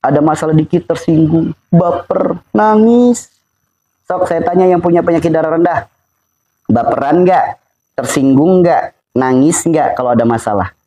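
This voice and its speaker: A man's voice: fairly high pitch, steady tone, moderate pace, mellow, rough recording. A man with a Sundanese accent giving a faith-based health talk to an audience, firing repeated rhetorical questions and drilling his points home. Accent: Sundanese-accented Indonesian. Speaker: religious health speaker.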